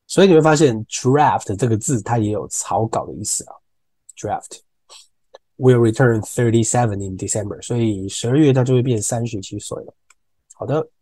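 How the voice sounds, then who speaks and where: A man with a Taiwanese Mandarin accent explains English phrases in Mandarin, repeating words to drill pronunciation. His voice is warm and mellow. The recording is dry and close, with no room echo. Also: medium pitch. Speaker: English teacher podcast host. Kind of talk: casual teaching talk.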